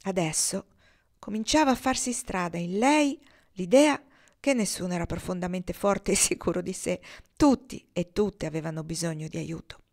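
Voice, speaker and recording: A woman narrating a novel as an audiobook reader, in a measured, expressive way. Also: fairly low pitch.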